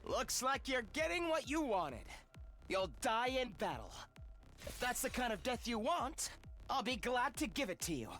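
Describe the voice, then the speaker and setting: A man's voice: very high voice, sing-song, moderate pace, fairly bright tone, soft background music, full character voice. A man playing a resolute, hostile young soldier in a video game, with dramatic delivery. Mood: grim resolve.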